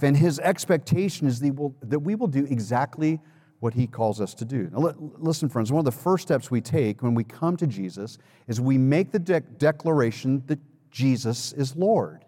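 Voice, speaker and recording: A man's voice: mid-range voice, warm tone. A man preaching a sermon as pastor, earnest, often repeating words and calling the congregation to respond. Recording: long hall reverb.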